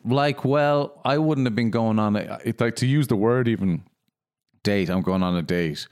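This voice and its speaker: A man's voice: fairly low pitch, a little mellow, dry recording, clean studio sound. An Irish man in his thirties co-hosting a podcast, asking questions and agreeing in casual chat. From Ireland. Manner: interjects with questions and quick agreement. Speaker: podcast co-host.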